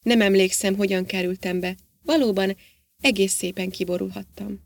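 A woman's voice: medium pitch, steady tone, gravelly, no echo. A woman reading as a tired, dazed astronaut man. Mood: tired, subdued. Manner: quiet, tired, hesitant. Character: weary, dazed male astronaut, adult.

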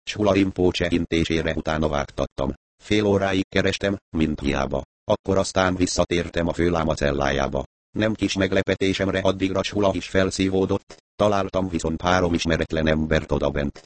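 A man's voice: low-pitched, no echo. A man narrating a humorous first-person story in a wry, dry manner. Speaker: audiobook narrator.

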